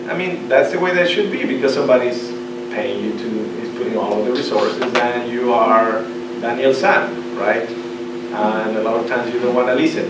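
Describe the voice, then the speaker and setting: Man in a noisy echoey room. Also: medium pitch. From Ecuador. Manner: animated, conversational, many restarts. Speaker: invited speaker. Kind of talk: career advice talk to postdocs. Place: seminar room. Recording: roomy, distant, noisy room recording.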